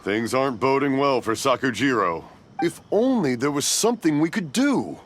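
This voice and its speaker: A man's voice: medium pitch, big pitch swings, normal speed, slight background noise, lightly acted. An actor playing a worried, regretful townsman in a video game.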